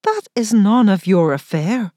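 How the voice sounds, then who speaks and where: A defiant young gentlewoman, played by a woman narrator who speaks with a thick accent and a sharp, commanding edge. The pitch ranges widely in storybook style. The sound is close and dry, with no room in it. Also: animated, unhurried, dry recording.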